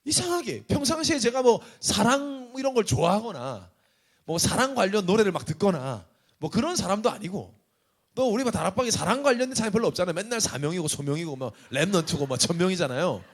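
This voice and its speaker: Young male pastor, sermon voice, high and very expressive, talks with the congregation. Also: fast talker. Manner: animated, conversational preaching with rhetorical questions. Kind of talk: sermon to a young adults' service.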